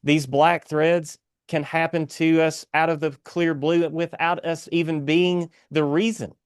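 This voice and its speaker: A man's voice: on the high side, flat delivery, a little slow, clean tone, dry recording, clean studio sound. A man with an Appalachian accent speaking as a guest author in an earnest, inspirational interview, exhorting like a preacher.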